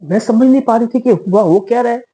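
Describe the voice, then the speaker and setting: Woman with a dark, mellow voice telling a story. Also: fairly high pitch, fast, poor audio. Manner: chatty, with many fillers and asides to listeners. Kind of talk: casual spoken storytelling.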